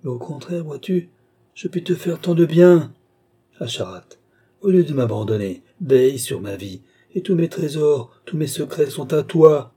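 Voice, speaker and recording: A man voicing a dying old alchemist who pleads, rages and screams in a hoarse, harsh voice. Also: animated, unhurried, warm tone. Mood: pleading. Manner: shrill pleading cries turning to furious screams. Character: dying old male alchemist, raging and vengeful.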